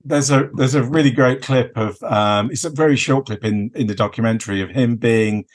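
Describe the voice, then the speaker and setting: Chatting casually about films as a podcast co-host, a man with a medium-pitched, brisk voice sounds hesitant and meandering while he searches for words.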